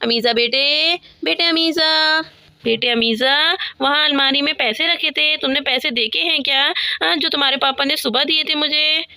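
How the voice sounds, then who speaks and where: Soft motherly voice from a woman, bright, dry, doll-play story. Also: sits high, steady tone, normal speed, no room sound, exaggerated voice. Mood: worried. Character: gentle busy mother of a little girl.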